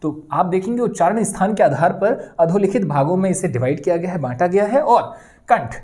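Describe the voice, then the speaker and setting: A woman's voice: lowish voice, lively intonation, fairly quick, warm tone. A woman teacher giving an exam-prep grammar lesson, explaining step by step and sounding out letters to demonstrate. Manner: explanatory, often adds "ठीक है" and "दोस्तों".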